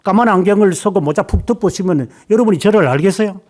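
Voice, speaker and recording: A middle-aged man preaching a sermon as pastor, firing rhetorical questions at the congregation and swinging from a raised voice down to hushed near-whispers. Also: sits high, fast talker.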